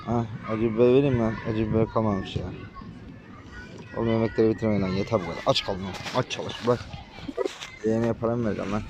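A young man giving casual gameplay commentary as a gaming YouTuber, talking in a rough, slangy and bossy way to the characters on screen. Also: fairly low pitch, flat delivery, fast, pauses often, noisy background.

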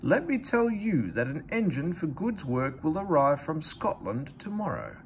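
A stern railway boss from a children's storybook, put on by a male reader. He speaks formally and commandingly, in clipped orders, pitched up from plain narration. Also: big pitch swings, a little slow, a little hiss or hum.

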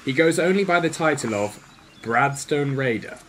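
A man's voice: mid-range voice, expressive, moderate pace, a bit bright, lightly acted. A man reading a news report in a mock-serious announcer manner. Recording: noisy recording.

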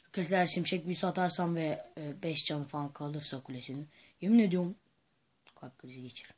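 A male gaming host giving playful, excitable commentary over his own gameplay, often chanting silly repeated sounds. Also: a little high, fast.

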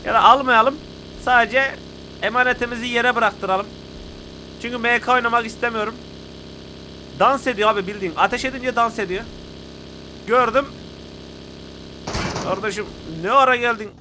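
A young man giving excitable, casual commentary to viewers while playing a mobile shooter game. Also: very high voice, moderate pace, pauses often, background noise.

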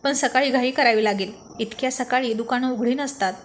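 A woman's voice: a little high, a little hiss or hum, lightly acted. A woman reading Arjun, a teasing young man. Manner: teasing, quick comebacks. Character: witty teasing young man, gang leader.

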